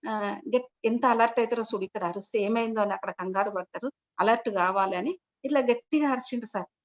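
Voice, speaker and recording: A woman's voice: fairly high pitch, quick pace. A middle-aged woman shares her meditation experience, telling the story in a rambling way with frequent restarts and repeated polite address. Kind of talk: personal testimony told to an online meeting. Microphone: video call. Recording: dull lo-fi video call audio.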